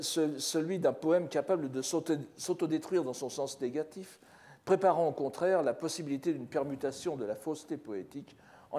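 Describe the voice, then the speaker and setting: An older male professor delivers a lecture in a lecture hall. His voice sits a bit high for a man yet sounds mellow and dark. He speaks in a measured, scholarly way, often restarting phrases mid-thought. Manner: measured, scholarly, with frequent restarts and "n'est-ce pas". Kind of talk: academic lecture.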